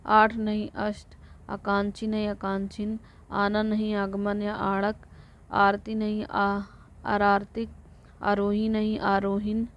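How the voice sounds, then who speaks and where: A woman teacher reciting vocabulary lists for exam prep in a flat rote way, sometimes correcting herself. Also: mid-range voice, slow. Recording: dull lo-fi recording with faint noise.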